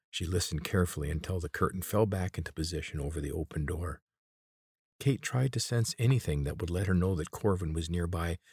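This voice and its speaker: A man narrating a fantasy audiobook in a measured, steady way. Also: low voice, slightly rough, dry recording, clean studio sound. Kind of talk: scripted narration.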